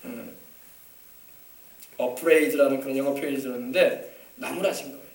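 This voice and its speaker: A man's voice: medium pitch, fairly even intonation, fairly quick, recorded from a distance. A male pastor preaching a sermon, asking his congregation questions and urging them on. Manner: preaching with call-and-response questions. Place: church sanctuary. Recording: echoey church from off-mic.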